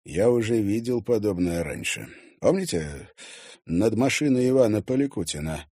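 A man playing a gruff, stern sheriff. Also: fairly low pitch, expressive, normal speed, dark tone, no echo, clean studio sound. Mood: grave. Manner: serious, grumbling, curt. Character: stern middle-aged male sheriff, gruff.

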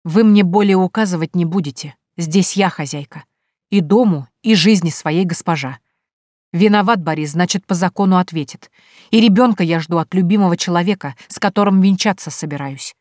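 Woman as a calm, firm young mistress of the house. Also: lowish voice, no room sound, clean studio sound, lightly acted. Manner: calm and firm, coldly measured.

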